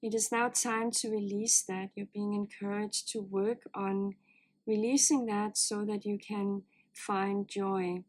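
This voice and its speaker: A woman gives her viewers a spiritual oracle card reading, calm, earnest and gently encouraging, at a measured pace. Her voice is low and a little hoarse, as if she has a cold, and the audio is poor.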